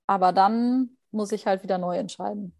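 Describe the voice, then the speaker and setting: A woman's voice: mid-range voice, moderate pace, vocal fry, a little mellow, no room sound, clean studio sound. A young woman, a junior doctor being interviewed, answering thoughtfully with many fillers and restarts. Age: young adult. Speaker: guest, junior anesthesia doctor.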